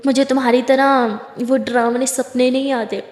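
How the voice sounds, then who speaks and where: Woman voicing a stern middle-aged mother, quiet and curt, echoey room. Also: high-pitched, steady tone, normal speed, close to an everyday voice. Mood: reserved. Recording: echoey room with long reverb.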